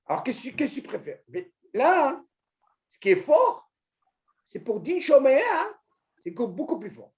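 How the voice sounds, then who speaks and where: A man teaching an informal religious lesson to a small group, animated, asking questions and calling on a student by name. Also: extremely high pitch, a little slow, long pauses. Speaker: Torah teacher.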